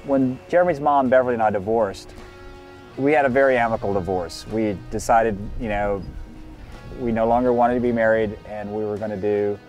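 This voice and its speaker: A man's voice: lowish voice, fairly even intonation, brisk, a little mellow. Candid older man, faint music behind. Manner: candid, earnest, with many "you know" fillers. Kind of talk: reflective interview testimony.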